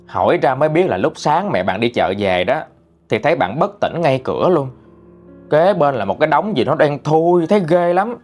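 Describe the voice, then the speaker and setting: A man narrating a ghost story in a conversational, expressive way. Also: mid-range voice.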